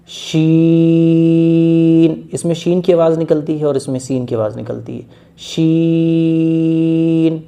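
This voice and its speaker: A man's voice: medium pitch, vocal fry, warm tone. A man teaching a beginners' Quran reading lesson, explaining letter sounds patiently and stretching each letter long in one breath.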